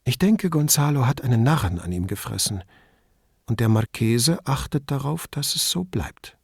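A man's voice: medium pitch, sing-song, moderate pace, gravelly, breathy edge, no echo, heavily acted. A man reading the part of a witty wife who teases her husband in a playful, dry way, in a slightly raised voice. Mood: wry. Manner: wry, playful teasing. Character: witty teasing Italian wife, adult woman.

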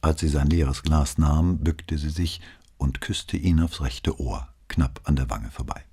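A man narrating a crime novel audiobook in a measured storytelling voice. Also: extremely low pitch, a little mellow, slightly rough. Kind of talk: scripted narration.

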